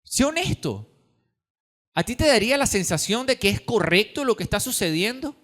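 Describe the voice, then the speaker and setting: A pastor preaches in a high, ringing male voice. He builds to loud, urgent peaks and then drops to near-hushed lines, pressing his listeners with question after question. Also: very animated, moderate pace. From Venezuela. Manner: impassioned, swings between loud and hushed, rhetorical questions. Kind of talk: sermon. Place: church.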